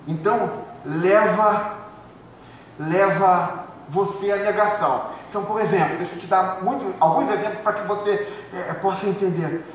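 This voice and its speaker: High-voiced pastor preaching in an echoey hall. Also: male voice. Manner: lively preaching, acts out congregants' complaints. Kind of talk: sermon. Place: church hall. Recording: echoey hall, far from mic, faint noise.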